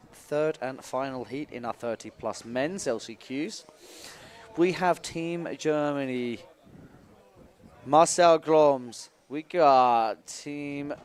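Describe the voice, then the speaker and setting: A man co-commentating at a sports event, chatty and musing in his analysis. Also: mid-range voice.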